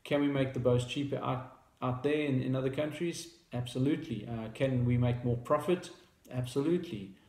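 Talking casually to camera at a table in a small room, a South African man in his thirties who founded a company explains his product. He speaks at normal speed with few pauses, though he still hesitates with plenty of fillers and restarts. His medium-pitched voice has a darkish tone and a reverberant sound.

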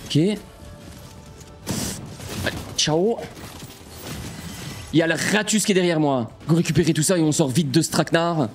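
Young guy streaming a shooter game, chatting to viewers, gets loud and annoyed fast, faint music under it. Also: a little high. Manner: excitable, talks to viewers, sudden frustrated outbursts. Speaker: gaming streamer. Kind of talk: live gameplay commentary.

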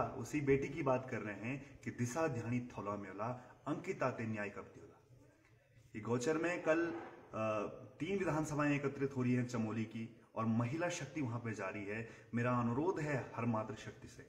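A man, making an earnest, emphatic live political appeal. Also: medium pitch. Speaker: activist co-presenter. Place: outdoor terrace in the hills. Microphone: phone a short distance away. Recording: echoey, noisy open-air phone recording.

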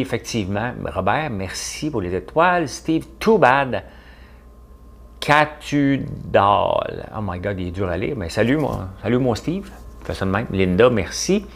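A middle-aged man with a Quebec French accent, hosting a casual livestream and chatting with viewers by name. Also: mid-range voice. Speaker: livestream host reading viewer comments. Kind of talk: casual live chat.

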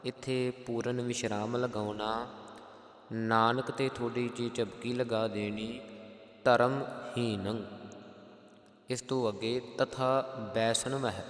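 A man with a Punjabi accent teaching scripture pronunciation, chanting verses slowly and then explaining each letter. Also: mid-range voice, reverberant, long reverb tail. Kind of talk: Gurbani pronunciation lesson with sung recitation.

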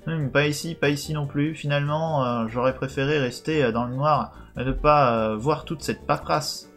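A man's voice: fairly high pitch, normal speed, fairly bright tone, faint music behind. A young man streaming a live game, chatting casually with crude jokes. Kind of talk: live let's play commentary.

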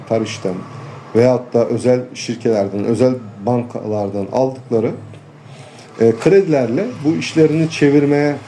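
A man, a farmer and local official, talking earnestly in a street interview and pausing often with fillers. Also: medium pitch, warm tone, slight background noise. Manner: earnest, complaining, halting with fillers.

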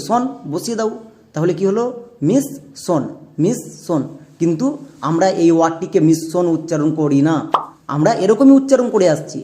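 A man's voice: high voice, mellow. A man teaching English pronunciation in a classroom-style lesson, spelling out words letter by letter and asking his viewers questions as he explains.

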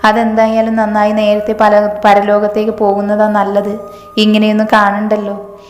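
A woman's voice: mid-range voice, monotone, normal speed, natural voice. Anxious middle-aged mother, read by a woman. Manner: anxious, questioning. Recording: echoey room with long reverb.

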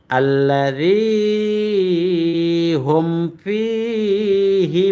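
A man teaching Quran recitation, explaining the rules and then chanting verses slowly. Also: fairly high pitch.

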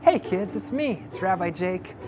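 Energetic male rabbi hosting kids' show. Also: high-pitched, moderate pace, background noise. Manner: energetic, talks straight to the kids. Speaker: rabbi and children's show host. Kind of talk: children's show presenting.

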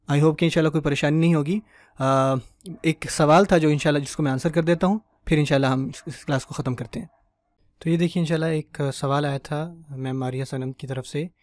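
Male teacher with a slightly high voice and dry close sound, patient, keeps checking the class follows. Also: a little mellow, no room sound. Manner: patient, explanatory, checks in with the listener often; spells out word endings slowly. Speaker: Arabic grammar teacher. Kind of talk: online grammar lecture.

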